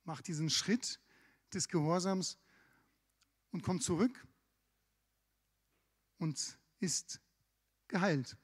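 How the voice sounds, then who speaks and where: A man's voice: high voice, extremely slow, pauses often, slightly rough. A man preaching a sermon, retelling scripture in a conversational way with casual asides. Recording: long hall reverb.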